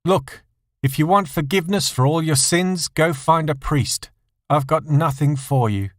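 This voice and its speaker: A man's voice: on the high side, unhurried, dry recording, clean studio sound, pitched above the performer's own voice, close to an everyday voice. A man voicing a bitter, scornful wife in audio story dialogue, cutting and accusatory. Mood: bitter, cold. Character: bitter, scornful wife refusing all sympathy.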